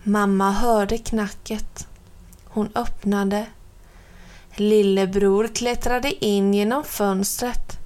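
A woman reading a children's storybook aloud in a gentle, clear storytelling manner. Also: medium pitch, flat delivery. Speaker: narrator.

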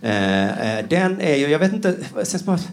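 A man's voice: fairly high pitch, very animated. A man performing a rambling, sarcastic stand-up routine, mocking other voices as he goes. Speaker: stand-up comedian.

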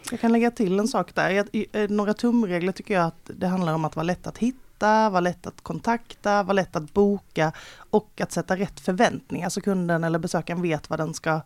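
A woman's voice: lowish voice, steady tone, darkish tone, no echo. A woman who works in tourism, giving engaged interview answers with frequent fillers. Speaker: tourism organization guest.

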